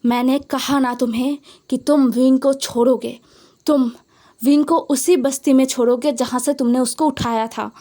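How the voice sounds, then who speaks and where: A woman voicing a domineering uncle who shouts orders in anger. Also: sits high, steady tone, moderate pace, lightly acted. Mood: commanding. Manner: shouting, commanding. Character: domineering older uncle, furious.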